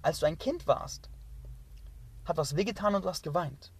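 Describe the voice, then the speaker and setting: Intense, husky-voiced man preaching. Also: fairly high pitch, animated, moderate pace, no echo. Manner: intense, emphatic, repeats phrases and swears. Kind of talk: impassioned motivational monologue.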